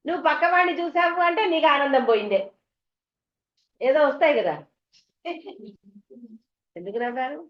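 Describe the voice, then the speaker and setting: A spiritual teacher speaks to an audience in a high, expressive voice at a moderate pace, pausing often. Her devotional discourse is conversational, packed with homely stories and questions for listeners, recorded in an echoey hall with dull sound.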